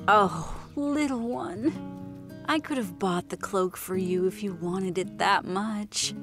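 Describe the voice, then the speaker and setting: A woman voicing a gentle, caring mother in an audio drama, speaking warmly and tenderly. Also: mid-range voice, takes it slowly, over music. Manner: warm and tender.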